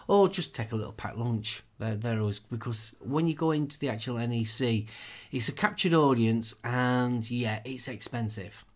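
Bloke, casual podcast co-host, mid pitch, chatty tips. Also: male voice, normal speed, few pauses. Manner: chatty, laughs often, gives practical tips.

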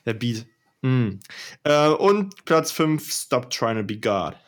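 Here a young podcast co-host gushes about rap albums in a relaxed, slangy, emphatic chat full of enthusiasm. His medium-pitched voice has a slow, sing-song lilt.

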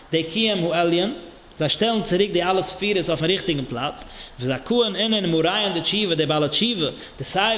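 Male rabbi, high bright chant-style Talmud lecture, roomy lo-fi hall recording. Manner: singsong study chant, mixing Hebrew and Aramaic terms. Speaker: rabbi teaching a Talmud class. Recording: echoey dull lo-fi hall recording.

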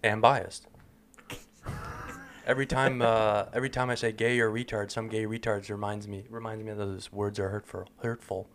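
A man's voice: lowish voice, little pitch movement, normal speed, fairly bright tone. A man co-hosting a casual podcast, making dry, sarcastic quips. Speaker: podcast co-host.

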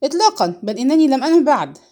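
A woman voicing a rude, cocky young man who talks in a loud, mocking, insolent way, in a storybook reading. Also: mid-range voice, sing-song, fast.

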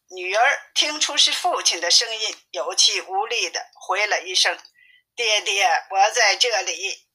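Bright, breathy woman storyteller. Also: medium pitch, low-quality recording. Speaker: narrator. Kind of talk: storybook narration.

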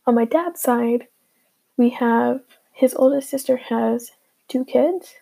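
A teenage girl chatting casually and hesitantly as a beginner solo podcast host, with lots of filler words, recorded on a low-quality earbud microphone. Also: slow, gravelly, warm tone, breathy edge. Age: teenager, fifteen. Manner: informal, hesitant, heavy filler "like".

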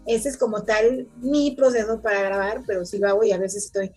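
A woman's voice: medium pitch, steady tone, a little fast, a little mellow, husky, soft background music. A young woman, hosting a casual podcast chat in a chatty way and laughing easily. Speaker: podcast host.

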